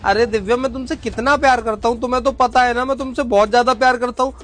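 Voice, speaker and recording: A man acting as a husband in a family skit, trying to calm and placate his wife. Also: very high-pitched, quick pace, soft background music. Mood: placating. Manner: placating, dismissive. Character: husband pulling a prank, soothing his angry wife.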